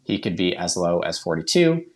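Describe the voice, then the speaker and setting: A man with a Boston accent and a deep, low-pitched voice, explaining things on a podcast as a guest. He talks in quick, chatty bursts, full of "um" and "like" and restarts mid-sentence. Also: very animated. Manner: rapid, chatty, many fillers and self-corrections. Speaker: polling analyst guest.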